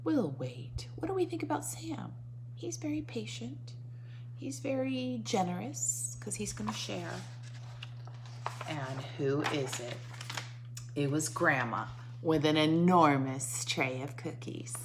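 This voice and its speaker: Taking it slowly in a voice on the low side, a woman teacher reads a picture book to young children. She stops to explain and to coax answers with questions and repetition, on a noisy recording.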